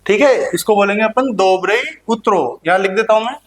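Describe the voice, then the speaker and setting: High-voiced man teaching in an echoey room. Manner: repeats words slowly, jokes with students. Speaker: language teacher. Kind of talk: playful classroom lesson.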